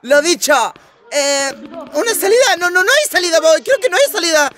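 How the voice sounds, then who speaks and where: A man giving casual, excitable commentary while playing a VR game, laughing often and shouting at the game. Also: very high-pitched, moderate pace. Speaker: gamer.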